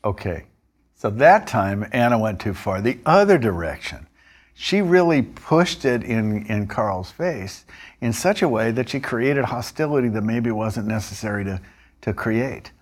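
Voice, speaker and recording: A male instructor narrating a training lesson in a measured, explanatory way. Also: on the low side, animated. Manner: measured, explanatory, with occasional restarts.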